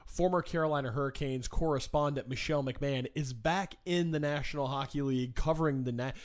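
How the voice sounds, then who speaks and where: A man's voice: mid-range voice, brisk. Playful male sports talk host. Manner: playful, rambling questions. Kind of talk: sports talk show hosting.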